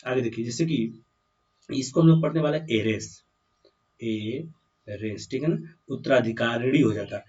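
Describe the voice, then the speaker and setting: In a dull, faraway classroom recording, a man teaches a grammar lesson in Hindi with a mid-range, fairly fast voice of darkish tone. He repeatedly asks the class questions, calling the students "बालक".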